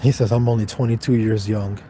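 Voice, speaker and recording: A man's voice: on the low side, steady tone, fairly quick, warm tone, a little hiss or hum. A man in his twenties livestreaming, reading chat questions aloud and answering them in a blunt, profane, detached way. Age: 20s.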